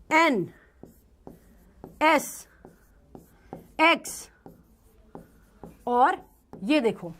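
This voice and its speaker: High-voiced woman teaching English. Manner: lively, quizzing students with rhetorical questions. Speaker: English teacher for bank exams. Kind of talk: classroom lecture.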